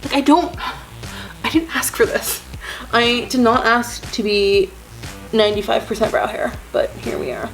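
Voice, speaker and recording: Speaking a little slowly in a fairly high voice, a beauty vlogger addresses a camera on her desk with a ring light, in a basement room at home. She rambles, pokes fun at herself, says "like" a lot, and sounds slightly sniffly while faint music plays. The recording is low quality.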